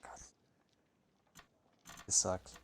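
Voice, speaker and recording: A man's voice: extremely slow, a little hiss or hum. A man streaming a game, thinking aloud and grumbling with frequent swearing. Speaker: gaming streamer. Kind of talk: casual gameplay commentary.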